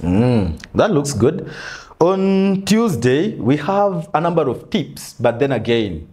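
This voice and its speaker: A young man hosting a sports betting-tips show in a small studio, running through picks in a relaxed, casual way. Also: a little high, takes it slowly, slightly rough. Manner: relaxed, lists picks with frequent "mm" backchannels. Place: small studio in front of a brick wall backdrop.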